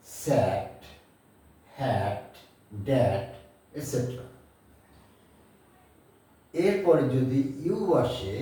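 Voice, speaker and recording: A man's voice: mid-range voice, dark tone. A man from Bangladesh who teaches English, giving a beginner pronunciation lesson and explaining patiently with questions he answers himself. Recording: echoey room, voice from a distance.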